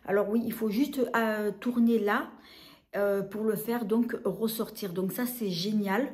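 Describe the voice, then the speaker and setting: A woman's voice: mid-range voice, fairly even intonation, measured pace, a little mellow. A woman talking casually through a beauty haul, hesitant with many filler sounds. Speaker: beauty vlogger. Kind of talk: casual product haul talk.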